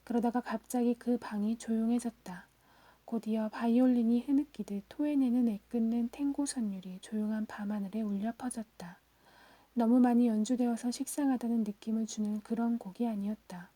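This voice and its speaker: Brief: woman, whispered audiobook reading, slightly high pitch, close and dry sound. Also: normal speed, dry recording. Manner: soft, hushed, steady reading. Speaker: audiobook reader.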